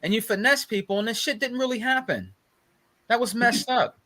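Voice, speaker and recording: His voice is very high and sharp, moving at a moderate pace. Co-hosting a podcast, the man chats casually and tells gossipy stories, repeating phrases for emphasis and frequently calling people "bro."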